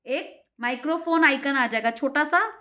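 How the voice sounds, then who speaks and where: A woman tutoring a child at home. She reads each English step slowly, explains it in Hindi, and drills with repeated questions. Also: high-pitched, pushed and bright.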